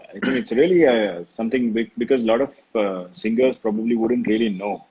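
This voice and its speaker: A man hosting a relaxed interview, encouraging his guest with frequent short acknowledgements. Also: fairly low pitch, brisk, slightly rough, dull audio. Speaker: interview host.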